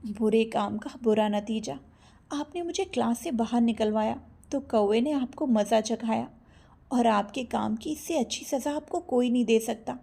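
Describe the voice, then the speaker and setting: A feisty, mischievous college girl, cheeky one moment and protesting the next, voiced by a woman narrating an audio story. Her voice rides high, with a husky, dark tone. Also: normal speed. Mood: gloating.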